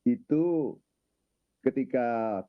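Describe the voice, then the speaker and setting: A man calmly telling a personal story, ending phrases with filler tags, in an unhurried, reflective way. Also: medium pitch. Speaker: guest speaker on his own channel. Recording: narrow phone-like sound.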